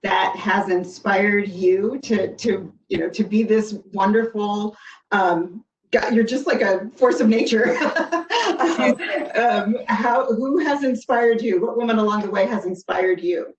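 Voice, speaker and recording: Woman webinar host, halting questions; distant, echoey video call sound. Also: medium pitch. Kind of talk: interview questions. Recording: distant, roomy, dull video call audio.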